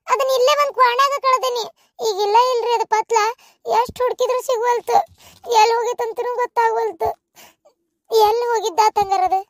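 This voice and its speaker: A woman's voice: extremely high pitch, fairly even intonation, fairly quick. A woman voicing an anxious, tearful young village wife with a North Karnataka accent who frets and whines. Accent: North Karnataka Kannada. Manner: whining, worried, tearful.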